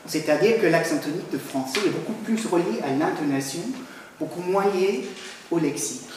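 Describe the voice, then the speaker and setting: A man's voice: on the high side, recorded from a distance, noisy background. French-speaking man lecturing in an echoey hall. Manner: hesitant, many pauses and "euh" fillers. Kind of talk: academic conference talk.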